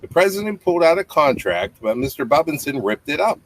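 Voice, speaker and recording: This storybook reader is a father in his fifties who reads a bedtime story aloud, explaining bits simply for young listeners. He has a fairly high, sing-song voice and a brisk pace. The recording is clearly noisy home webcam audio with clicks, from a small indoor room under a low tiled ceiling.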